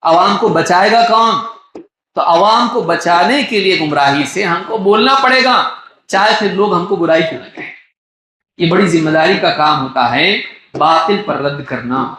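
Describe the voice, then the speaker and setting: A man with a high, bright, forceful voice gives a religious lecture. He reads Arabic passages and then explains them, driving points home by repeating key phrases. The sound rings out in a very echoey room. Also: lively intonation. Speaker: Islamic scholar giving a lecture.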